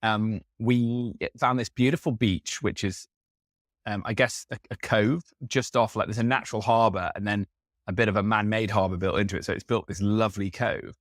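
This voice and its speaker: Chatty low-voiced male podcast host. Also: steady tone, normal speed, no room sound, studio quality. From England. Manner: chatty, rambling with frequent fillers and restarts. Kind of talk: casual podcast chat.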